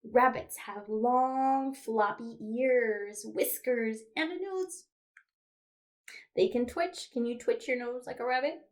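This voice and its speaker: A woman with a voice on the high side reads slowly to small children during a toddler storytime she runs as a children's librarian. She keeps it simple, asking questions and playing with animal sounds.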